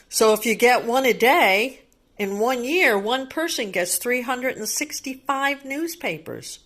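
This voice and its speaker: A woman with a medium-pitched, somewhat bright voice reads aloud from a picture book to young children. In the manner of a teacher, she keeps things simple, repeats words and poses little questions during the storytime.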